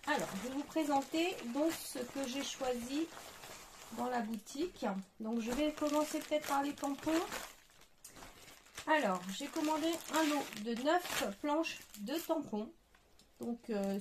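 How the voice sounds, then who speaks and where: Slow, gravelly-voiced woman presenting crafts. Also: on the high side, a little mellow. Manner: chatty, hesitant with many fillers. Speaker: craft product reviewer. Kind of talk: casual product presentation.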